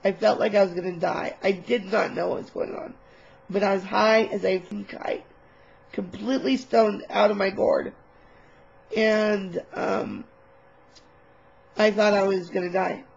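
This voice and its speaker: A woman vlogger telling a personal story in a casual, animated, candid way, swearing now and then, on a webcam mic. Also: medium pitch, measured pace, gravelly, pauses often, slightly rough, dull audio.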